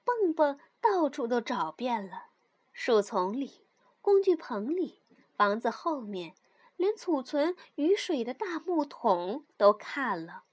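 A woman narrating a children's story in an expressive, animated reading style. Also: high voice.

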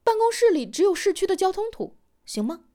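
A woman voicing a helpful young female nurse who is quick to offer assistance, in an audiobook. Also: very high voice, sing-song, dark tone, voice pushed up. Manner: obliging, eager.

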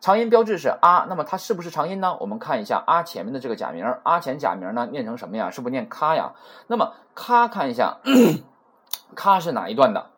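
A man with a medium-pitched, slightly bright, breathy voice teaches beginner Japanese in a casual recorded lesson, speaking fairly fast and very animatedly. He's chatty, repeats points, and checks that listeners are keeping up.

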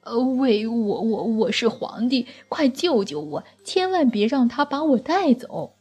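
A woman's voice: fairly high pitch, lively intonation, a little slow, dull audio, soft background music, pitched above the performer's own voice. A woman voicing a ruthless, greedy old emperor in a children's storybook, with a haughty, bullying manner. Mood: pleading. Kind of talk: storybook character voice.

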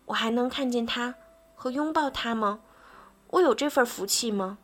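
A woman voicing a lively, naughty wooden puppet boy in a bedtime story, in an eager childlike way. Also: a little high, normal speed, close to an everyday voice. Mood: pleading.

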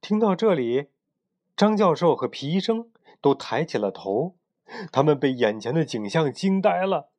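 A man reading a children's bedtime story aloud at home in a lively storytelling manner. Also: unhurried. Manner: lively storytelling with animated pitch.

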